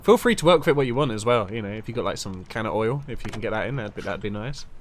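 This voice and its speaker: A man's voice: lowish voice, expressive, rapid-fire. A man giving casual game commentary and chat in a rambling, jokey, sweary way. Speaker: gaming streamer.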